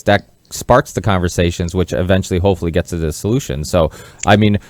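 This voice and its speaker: A podcast host with a fairly deep voice runs a conversational interview show, speaking earnestly and often rambling. Born in Portugal and based in Massachusetts, he's recorded dry, with no room sound or reflections.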